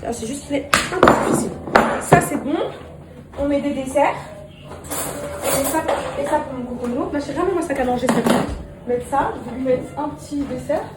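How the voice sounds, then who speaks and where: Young mom chatting to her phone in an echoey kitchen, high voice, rambly, lots of restarts. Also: fairly quick. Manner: rambling, animated, with many restarts; coos affectionately to her children. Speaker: vlogger and mother. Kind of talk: casual vlog chat to viewers. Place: home with kitchen. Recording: echoey room with background noise.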